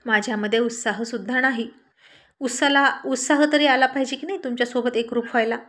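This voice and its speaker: A woman's voice: a little high, steady tone, quick pace, a bit bright, close to an everyday voice. A woman voicing a tired, affectionate young wife and mother in a storybook reading, scolding her husband fondly. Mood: weary.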